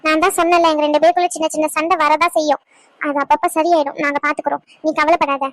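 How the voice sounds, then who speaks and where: A woman voicing a gentle young sister-in-law in a cartoon, softly reassuring a younger girl. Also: sits high, level tone, fast, no room sound, lightly acted. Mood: soothing. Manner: soft, soothing, reassuring. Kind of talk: cartoon voice acting.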